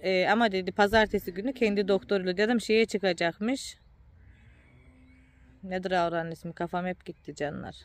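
A woman's voice: medium pitch, fairly even intonation, moderate pace. A tired woman, chatting casually to her viewers as a vlogger and often calling them dear ones.

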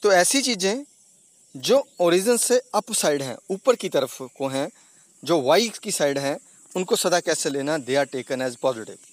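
A man's voice: on the high side, animated, measured pace, no echo. A male teacher explaining slides, who asks himself questions and answers them, and mixes in English terms. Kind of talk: slide-based physics lesson voice-over. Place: not on camera, voice over slides.

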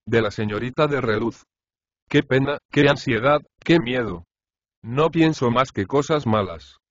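A man narrating an audiobook, reading letters from a novel in an expressive, measured first-person way. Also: medium pitch, no room sound. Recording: slightly dull, lo-fi dry recording.

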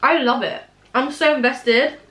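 A woman's voice: high voice, unhurried, fairly bright tone. A British woman in her twenties chatting casually and emphatically in slang to camera in a mukbang vlog. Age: 20s. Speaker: vlogger chatting while eating. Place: small room at home, indoors. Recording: echoey room.

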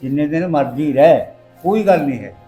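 A weary rural father, acted by a man, coaxing and defensive. His voice sits a little high for a man. Faint music runs under the scene. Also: a little fast, warm tone, close to an everyday voice. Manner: coaxing, then pleading and defensive.

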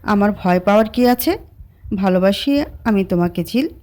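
A woman voicing a gentle, loving young man who speaks softly and tenderly. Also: medium pitch, normal speed, natural voice.

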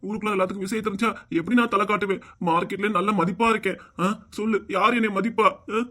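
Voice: mid-range voice, steady tone, fast talker, close to an everyday voice. A performer voicing a strict, hot-tempered middle-aged father with a southern Tamil accent, who scolds his wife and weeps. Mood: scolding. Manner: scolding, shouting, then weeping.

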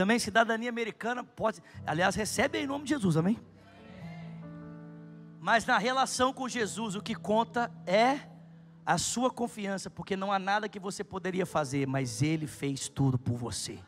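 A man in his thirties preaching a sermon on a large church stage into a handheld mic, swinging from soft asides to loud, fervent shouting. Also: sits high, animated, moderate pace, faint music behind. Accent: Brazilian Portuguese.

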